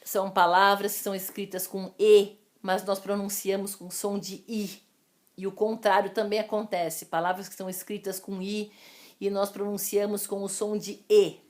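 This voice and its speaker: A Brazilian woman teacher giving a recorded lesson, drawing out each example word slowly and calling her students "amores". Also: medium pitch, little pitch movement. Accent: Brazilian Portuguese. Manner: slow, drawn-out pronunciation of example words; affectionate, addresses students as "amores".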